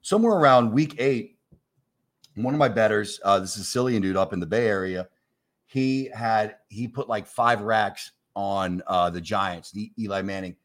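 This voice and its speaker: A talk-show guest in his forties, with a lowish voice at normal speed, shares a long casual anecdote. He swears without restraint and acts out both sides of the conversations with animated flair.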